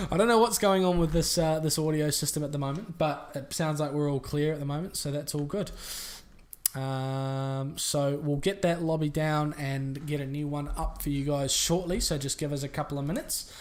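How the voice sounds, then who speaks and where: Kiwi man, sim race commentator, slightly high voice, chatty with lots of ums. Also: moderate pace. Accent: New Zealand. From New Zealand. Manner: chatty, filler-heavy, relaxed.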